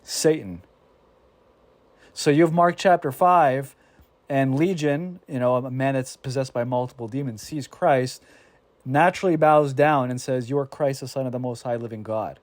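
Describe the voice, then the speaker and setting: Animated man teaching scripture, dry sound. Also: medium pitch, normal speed, no echo. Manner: animated, restarts often, acts out quoted exchanges. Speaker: Bible study teacher. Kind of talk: casual Bible discussion.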